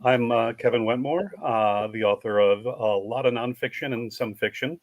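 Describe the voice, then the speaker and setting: A man's voice: mid-range voice, normal speed, no echo. A man introducing himself as an author on a panel, hesitant with many fillers.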